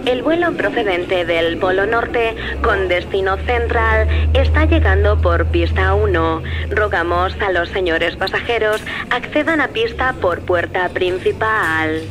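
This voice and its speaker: A man making a formal, measured airport-style announcement over a public-address loudspeaker. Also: sits high. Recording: echoey, loud music behind.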